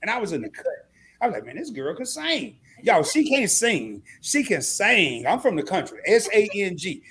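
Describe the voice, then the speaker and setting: A man in his forties from Southeast Arkansas, hosting a live stream interview with animated, chatty storytelling. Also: high-pitched, normal speed, breathy edge. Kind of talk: casual interview chat.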